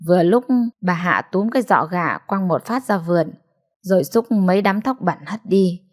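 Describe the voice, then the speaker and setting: Woman reading a story aloud. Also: on the low side. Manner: steady, measured storytelling. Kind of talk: scripted narration.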